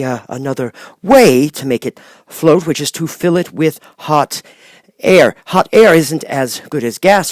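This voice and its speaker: A man's voice: mid-range voice, a little mellow, no echo, studio quality, voice pushed up, lightly acted. A man voicing a nervous, flustered little humbug wizard for an audiobook, stammering and repeating his words. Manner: stammering, hesitant, repeating words with ums and chuckles. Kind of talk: audiobook character voice.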